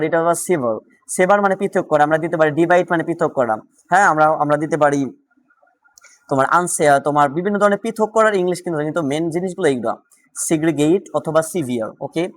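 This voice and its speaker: Male tutor, Bangladeshi Bengali accent, somewhat high voice, quick question-and-answer drilling. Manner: louder and more animated when solving questions. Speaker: vocabulary teacher. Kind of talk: exam-prep lesson.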